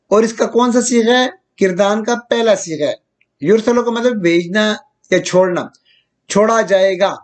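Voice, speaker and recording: High-voiced man teaching grammar patiently. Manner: patient, asks the listener questions and answers them himself; draws out Arabic examples slowly and deliberately. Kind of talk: recorded grammar lecture.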